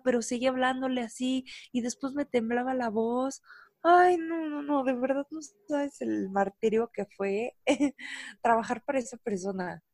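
A young woman with a Mexican accent, co-hosting a podcast and telling a story in slangy, animated casual chat. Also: on the high side, dry recording, studio quality. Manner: slangy, animated, full of fillers. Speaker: podcast co-host.

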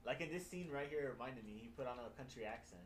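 A man's voice: mid-range voice, lively intonation, quick pace, crowd noise. A man co-hosting a podcast, teasing his friends in crude, casual banter. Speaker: podcast co-host. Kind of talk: casual chat.

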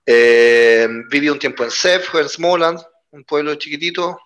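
A man in his forties with a Chilean accent, a guest telling his story in an unhurried, easygoing way. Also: on the high side, a bit bright. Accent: Chilean Spanish. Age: 40s. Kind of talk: casual interview.

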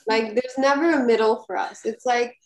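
A woman whose voice sits a little high talks at a moderate pace as a podcast co-host in an easygoing conversation. Her long anecdote wanders animatedly, and "like" pops up constantly.

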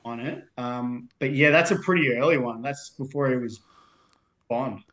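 A man in his thirties with an Australian accent guests on a podcast, chatting casually and meandering, with many fillers and restarts. His mid-range voice is fairly bright and moves at a moderate pace.

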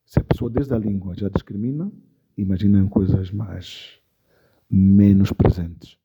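A man's voice: on the low side, steady tone, unhurried, creaky, noisy background. A man giving impassioned commentary in an interview, speaking emphatically and repeating key phrases for stress. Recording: dull lo-fi recording.

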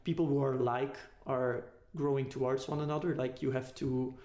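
Here a podcast guest muses his way through a relaxed, reflective chat, groping for words in a tentative, philosophical manner. His voice sits at medium pitch with a flat, mellow delivery at a moderate pace, captured in an echoey room.

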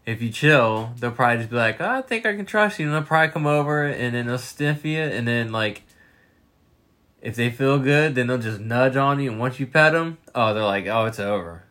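A man's voice: mid-range voice, moderate pace, fairly bright tone. A man co-hosting a casual comedy podcast, swearing freely and slipping into silly voices to act out pets. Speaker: podcast co-host.

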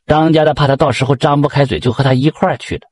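A man telling a folk tale in a lively, colloquial way. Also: fairly high pitch, fast talker, no room sound. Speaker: storyteller.

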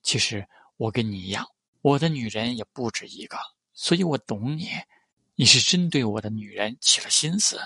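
A ruthless young tycoon, as a male narrator voices him, talks low and level with quiet menace. The voice is gravelly and bright yet husky, recorded close and dry. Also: expressive, normal speed, no room sound, full character voice. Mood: cold menace. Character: cold, ruthless powerful young tycoon, man.

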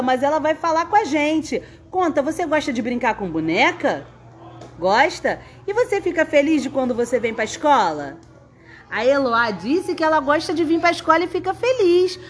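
A woman's voice: sits high, a bit bright. A woman, a preschool teacher coaxing small children in a school podcast interview. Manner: sing-song, coaxing, talks to small children.

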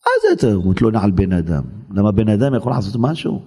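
A rabbi giving a dramatic sermon, quoting texts with sweeping rises and slowed emphasis. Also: male voice, on the low side, lively intonation, warm tone, husky. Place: synagogue hall. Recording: long hall reverb.

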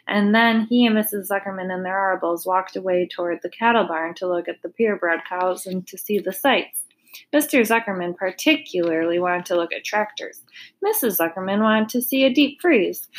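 A woman reading a children's chapter book aloud, gentle and expressive. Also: medium pitch, poor audio. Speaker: reader. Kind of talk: storybook read-aloud.

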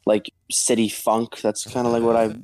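A man's voice: medium pitch, completely flat delivery, normal speed, darkish tone. A man co-hosting a casual music podcast, talking in a slangy, loose way with many restarts. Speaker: podcast co-host. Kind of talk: casual chat.

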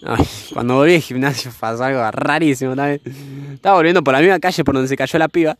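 A young man tells a story in loose, rambling chat, swearing and throwing in slang. His voice sits at a middle pitch and sounds dry and close, with little room around it. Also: quick pace, dry recording. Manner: rambling, slangy, swears freely, laughs often. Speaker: vlogger. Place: outdoors by a fire.

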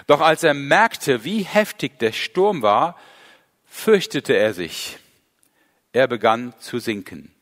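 A man's voice: mid-range voice, big pitch swings, takes it slowly, a bit bright, long reverb tail. A man preaching a sermon, retelling a Bible scene with earnest emphasis. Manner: earnest, storytelling with rising emphasis.

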